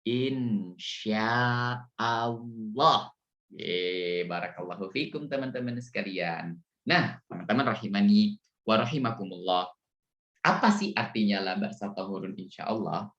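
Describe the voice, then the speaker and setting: Male kids' teacher, deep voice, unhurried storytelling, echoey and dull call audio. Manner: slow, animated, often asking the children questions. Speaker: children's religious teacher. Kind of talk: storytelling lesson for children. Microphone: video call.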